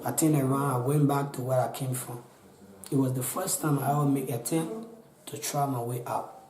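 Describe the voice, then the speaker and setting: A Liberian man in his twenties with a Liberian accent gives an earnest personal account in an interview, pleading, repeating himself and restarting often. His voice is mid-range and darkish at normal speed. The rough recording is reverberant, with a little hiss or hum.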